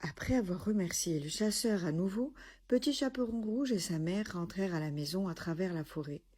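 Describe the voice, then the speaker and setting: A woman reading a children's storybook aloud, gentle and expressive. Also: fairly low pitch, moderate pace.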